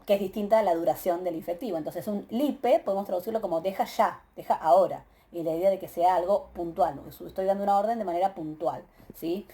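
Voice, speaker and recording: Argentine woman teacher, mellow methodical lecture. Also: mid-range voice. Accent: Argentine Spanish. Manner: methodical, explanatory, many filler "eh"s and rhetorical "¿sí?" checks. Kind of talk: recorded grammar lecture.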